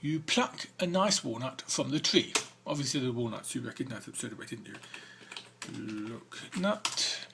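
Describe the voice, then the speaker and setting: A man's voice: medium pitch, very animated, normal speed, vocal fry, noisy background. A man hosting a game walk-through, reading the game's text aloud between hesitant comments full of fillers. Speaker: let's-play host.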